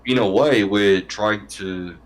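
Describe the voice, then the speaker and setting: Low-voiced man rambling casually. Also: slow pace. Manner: rambling, joking, self-correcting. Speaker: interview guest. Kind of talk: casual interview chat.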